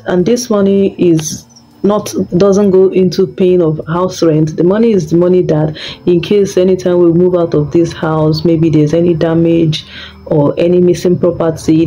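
A young woman from Nigeria, chatting casually in a vlog about renting her first flat. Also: fairly low pitch, low-quality recording. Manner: chatty, conversational storytelling. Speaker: vlogger.

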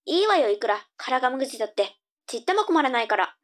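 Woman doing a sassy young anime girl, cute high voice, little sister in an audio play. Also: big pitch swings, quick pace. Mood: breezy. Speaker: voice actor in a tongue-twister audio drama. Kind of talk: tongue-twister audio drama acting.

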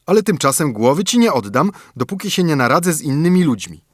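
A man's voice: fairly high pitch, very animated, quick pace, dry recording, clean studio sound, pitched above the performer's own voice. Man doing a bold young lad. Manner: raised, bright, earnest voice. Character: bold, clever young male student, a son.

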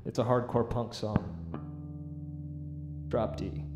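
A man's voice: medium pitch, fairly even intonation, takes it slowly, echoey room. A man live-streaming his music, chatting casually with viewers and answering their comments in an easygoing, rambling way. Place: room set up for live music. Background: instruments.

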